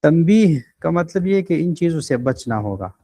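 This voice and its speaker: A man's voice: a little high, big pitch swings, warm tone, no room sound. Patient male recitation teacher, dry sound. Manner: patient, explanatory, with many drawn-out filler sounds; models short vowel sounds slowly and deliberately. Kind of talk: online class lecture.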